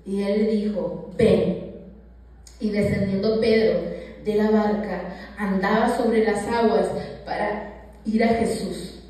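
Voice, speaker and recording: A woman's voice: mid-range voice, warm tone. A woman preaching a sermon in a church, with strong emphasis, sometimes acting out quoted dialogue. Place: church sanctuary. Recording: echoey church hall, voice from a distance.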